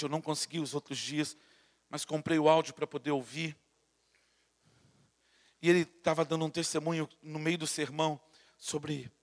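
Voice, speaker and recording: A man with a Brazilian Portuguese accent preaching a sermon with fervor, swinging from loud to hushed and stammering as he builds his points. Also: fairly high pitch, in a large hall. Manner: stammers and repeats words while building to a point. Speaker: pastor.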